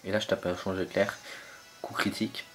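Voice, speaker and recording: A man's voice: low-pitched, level tone, fairly quick, soft background music. A young man commentating his own online battle game match, hesitant and full of fillers as he searches for names.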